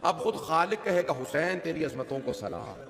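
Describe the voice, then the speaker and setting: Impassioned preacher with a gravelly voice in an echoing hall. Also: male voice, on the high side, lively intonation, fairly bright tone. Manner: emotive orator, rising to impassioned peaks, often checking the crowd's response. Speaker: Shia cleric preacher. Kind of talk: devotional sermon to a gathering. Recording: echoey hall with long reverb.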